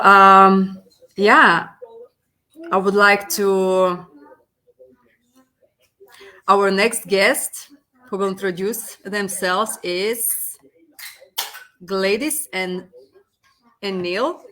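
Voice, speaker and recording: A woman's voice: mid-range voice, fairly even intonation, drawn-out words, pauses often, pushed and bright. A woman co-hosting a live video chat, friendly and slightly hesitant as she introduces guests. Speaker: co-host. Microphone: video call.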